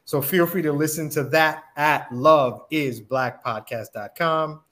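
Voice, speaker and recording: A man's voice: a little high, unhurried, fairly bright tone. A man talking casually as a panelist on a podcast.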